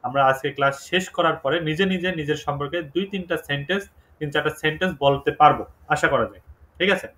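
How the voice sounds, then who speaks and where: Male teacher, fairly high and bright voice, patient and repetitive in class. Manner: explains slowly, repeats words for learners. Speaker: German language teacher. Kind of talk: online class lesson.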